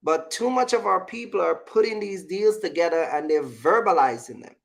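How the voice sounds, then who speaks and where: A vlog host talks casually, offering business advice and personal stories in an emphatic, repetitive style while often checking in with the listener. His high, gravelly voice is animated and moves at normal speed.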